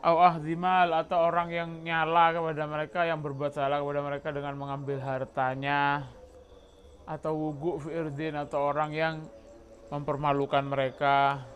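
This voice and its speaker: A man's voice: a little high, level tone, normal speed, a bit bright, lo-fi sound. A man giving a sermon, telling stories and acting out quoted dialogue as he teaches from a religious book. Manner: storytelling, acts out quoted dialogue, mixes in Javanese and Arabic. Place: religious study gathering.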